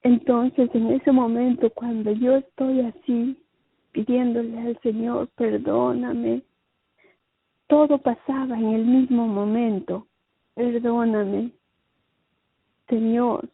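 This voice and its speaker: A woman giving an emotional religious testimony, speaking slowly and haltingly and often repeating her phrases. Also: a little high, steady tone, husky, no room sound. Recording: dry, tinny phone-like line.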